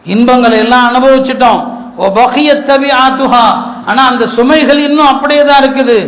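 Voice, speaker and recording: A man with a high-pitched voice delivers an earnest sermon, leaning on repeated words to drive his points home. The sound is roomy and echoey. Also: fairly even intonation, fast talker, a bit bright. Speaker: Islamic preacher.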